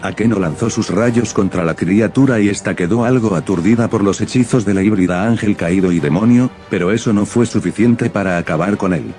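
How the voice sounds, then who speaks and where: A man's voice: on the low side, fairly quick, hardly any pauses, darkish tone, faint music behind. A man reading scripted narration of a fantasy fan story.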